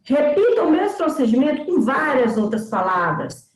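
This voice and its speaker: Woman teacher, high and animated, slow explanatory pace, echoey room. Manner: slow, explanatory, sounding out words syllable by syllable. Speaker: pedagogy lecturer. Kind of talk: online teaching lesson.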